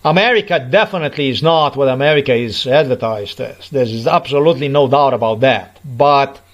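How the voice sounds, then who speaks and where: A man's voice: mid-range voice, a little fast, highs cut off. A middle-aged man from Slovenia, delivering an aggrieved, repetitive personal monologue in English as a vlogger.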